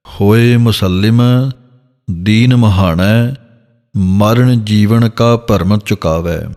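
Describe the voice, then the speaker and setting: A man teaching scripture pronunciation, slowly sounding out each word syllable by syllable. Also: fairly low pitch, darkish tone, big-room sound. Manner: slow, deliberate, sounds words out syllable by syllable. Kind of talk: instructional lesson.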